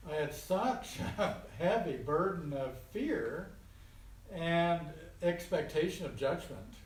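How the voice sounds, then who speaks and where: A spiritual teacher with a somewhat high, slightly mellow voice gives an informal talk to a small group. His style is folksy and colloquial, with phrases repeated for emphasis. A distant mic gives the recording a roomy sound and faint noise.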